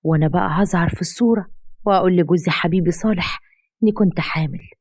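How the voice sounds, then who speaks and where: A woman's voice: lowish voice, fast talker, darkish tone, no echo, natural voice. A woman voicing a scheming, manipulative young ex-wife who taunts and threatens.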